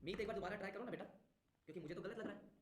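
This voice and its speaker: A male tutor teaching an online class, talking briskly, repeating phrases and urging students to answer quickly. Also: high-pitched, a little hiss or hum. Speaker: commerce exam tutor. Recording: roomy echo.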